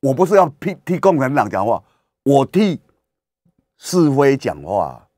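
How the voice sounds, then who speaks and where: A man's voice: medium pitch, measured pace, no room sound, clean studio sound. A male radio talk show host, giving emphatic political commentary full of rhetorical questions. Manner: animated and emphatic, rhetorical questions, acts out quoted voices. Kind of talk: opinionated political commentary monologue. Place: radio studio.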